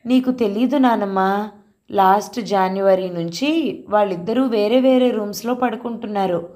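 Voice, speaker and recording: A young schoolboy in an audio story, earnest and close to tears as he pours his worries out to his grandmother, played by a woman reader. The voice sits higher than her own narration, childlike and a little breathless with feeling, yet keeps her mellow, dark tone underneath. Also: moderate pace, lightly acted. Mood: tearful. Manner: childlike, mixing English words into speech.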